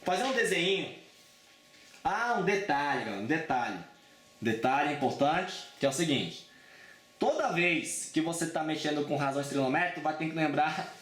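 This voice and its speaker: Brazilian guy teaching math, kinda high voice, super informal, echoey room. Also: fairly bright tone. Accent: Brazilian Portuguese. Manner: chatty and informal, with frequent check-ins and slang. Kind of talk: casual exam-prep math lesson.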